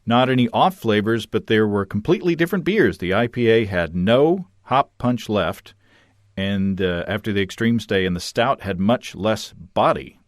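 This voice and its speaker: A man's voice: on the low side, lively intonation, moderate pace, no echo, studio quality. A man hosting a podcast, reading listener notes aloud in an easygoing, chatty way. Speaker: podcast host.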